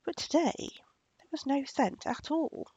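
A woman narrating a folk tale gently, sometimes dropping into soft whispers. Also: high-pitched, lively intonation, takes it slowly, no room sound, dull audio. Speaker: storyteller. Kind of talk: storybook narration.

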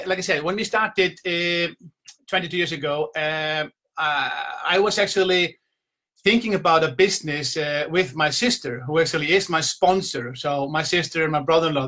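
This middle-aged business coach, who has an Icelandic accent, delivers a casual motivational talk to people watching live online from his home. A bright, forceful voice sits slightly above typical male pitch. His storytelling wanders loosely, peppered with repeated "you know".

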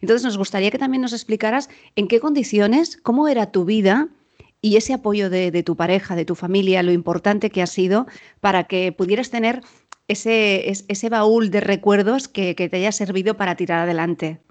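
A woman hosting an interview asks long, earnest questions that wind through several restarts. Her voice sits at a middle pitch. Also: fairly even intonation, normal speed, a little mellow.

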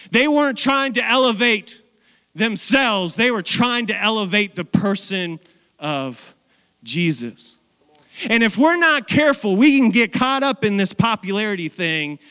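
A man with a high voice preaches a sermon in an unhurried, deliberate way. He acts out biblical characters in playful voices, and his words ring in the long reverb of a church hall. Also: a bit bright. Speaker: pastor.

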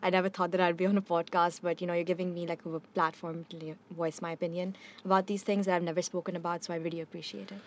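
A woman's voice: fairly low pitch, little pitch movement, fast talker, few pauses, a little hiss or hum. A woman speaking as a podcast guest in informal, casual conversation. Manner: informal, leans on "like".

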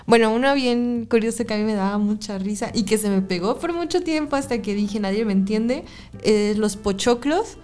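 A young woman chats on a podcast in a fairly high voice. She tells stories in an animated way and laughs often. Faint music plays underneath. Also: normal speed. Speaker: podcast co-host. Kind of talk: casual chat.

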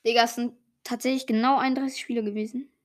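A young, slangy gamer giving excited casual commentary while playing, full of exclamations and swearing. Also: mid-range voice, fast. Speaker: gaming streamer playing a party game.

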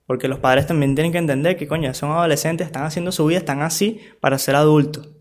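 A man with a somewhat high voice speaks straight to the camera. He gives blunt, casual advice to parents and teens, peppered with slang and swearing. He keeps checking that the listener is with him. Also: steady tone, quick pace. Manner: frank and loose, with street slang and swearing; talks straight to the listener, asking for agreement.

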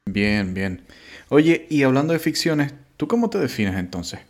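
A man hosting a podcast, reading a measured scripted introduction and asking his guest questions. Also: mid-range voice, sing-song. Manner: measured, reading names and titles carefully. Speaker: podcast host.

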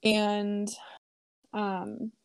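A woman's voice: medium pitch, drawn-out words, vocal fry, clean tone, no room sound. Chatty young woman, dry close sound. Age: 20s. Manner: chatty, filler-heavy, lots of "like" and "um"; expressive, swears freely. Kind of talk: casual storytelling vlog.

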